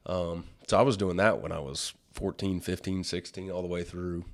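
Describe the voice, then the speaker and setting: Podcast host, male, 40s: deep smoker's rasp, hoarse from illness, casual conversational delivery. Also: steady tone, moderate pace. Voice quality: raspy smoker's-style voice. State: sick, hoarse. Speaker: podcast host and wildlife artist.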